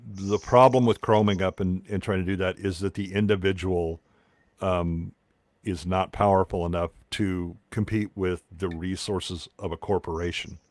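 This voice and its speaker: A man's voice: low voice, fairly even intonation, moderate pace, dry recording. A man in a casual chat, laying out arguments through rhetorical questions. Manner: reasoned, asks rhetorical questions.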